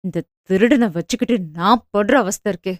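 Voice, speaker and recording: A woman's voice: mid-range voice, normal speed, dry recording, studio quality, voice pushed down, lightly acted. Woman voicing a teasing young village lover. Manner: teasing, pleading, a little sulky.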